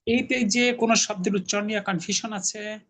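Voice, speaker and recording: A man's voice: high-pitched, steady tone, a little fast, fairly bright tone. A man teaching an Arabic class online, patiently explaining grammar and correcting his students' pronunciation.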